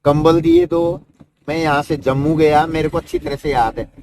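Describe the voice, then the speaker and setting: Over ambient noise, an aging Himalayan yogi rambles folksily about his life, tagging lines with "isn't it." His voice leans high but stays steady in tone, a little mellow, at a moderate pace.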